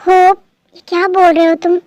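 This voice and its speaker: A high-voiced performer voicing a proud, stubborn, lovesick elder sister in a fan dub drama, speaking sharply and dismissively. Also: female voice, little pitch movement, normal speed, darkish tone, dry recording, highs cut off. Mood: firm.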